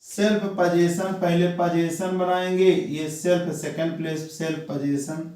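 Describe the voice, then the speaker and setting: A man from India with a North Indian accent, teaching a shorthand lesson slowly and step by step, repeating each word. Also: on the high side, flat delivery, a little mellow. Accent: Hindi-speaking North Indian. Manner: slow, repetitive, step-by-step explaining. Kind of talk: classroom shorthand dictation lesson. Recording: echoey room, voice from far off mic.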